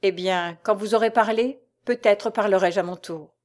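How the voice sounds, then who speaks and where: A woman's voice: medium pitch, natural voice. Woman reading as a cool mysterious nobleman. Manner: cool and measured. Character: calm gallant male nobleman, mysterious.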